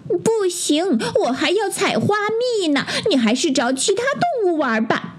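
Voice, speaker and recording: A woman voicing a busy little bee in a children's story, brisk and hurried. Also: high-pitched, big pitch swings, a little hiss or hum, voice pushed up. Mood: dismissive.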